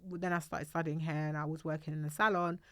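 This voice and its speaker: A woman's voice: low voice, fast. A woman, a podcast guest chatting casually and acting out family moments. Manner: animated storyteller, acts out her kids' voices. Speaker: podcast guest, hairstylist and salon owner. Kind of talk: casual chat.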